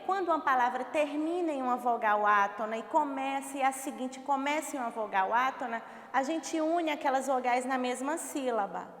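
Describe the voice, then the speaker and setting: A woman teacher giving a recorded class lecture, explaining patiently, rephrasing and counting syllables aloud. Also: sits high. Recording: echoey room with long reverb.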